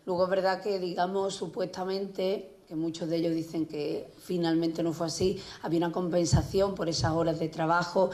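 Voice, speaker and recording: Hesitant woman journalist with a dark voice. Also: lowish voice, flat delivery, moderate pace, hardly any pauses. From Spain. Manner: hesitant, many restarts and fillers. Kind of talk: conference talk. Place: public conference hall.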